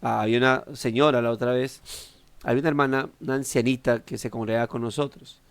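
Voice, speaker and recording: A man's voice: fairly even intonation, quick pace, smooth, dry recording. A man preaching a devotional sermon in a conversational way. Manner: conversational, acts out quoted people with shifting pitch.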